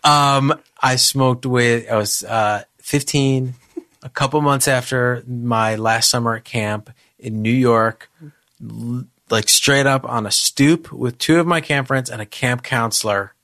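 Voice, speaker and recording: A man's voice: mid-range voice, fairly even intonation, measured pace, fairly bright tone, no room sound, clean studio sound. A man in his late thirties telling rambling, self-deprecating stories in a casual chat, with many restarts. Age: 30s. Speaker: podcast co-host.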